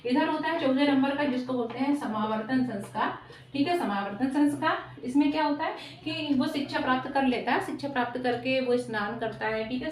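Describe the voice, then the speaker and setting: A woman's voice: high-pitched, a little hiss or hum. A woman teaching an exam-prep lesson at a whiteboard, often repeating "ठीक है" and asking rhetorical questions to quiz her students. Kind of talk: whiteboard lecture. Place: classroom with a whiteboard. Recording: echoey room, voice from off-mic.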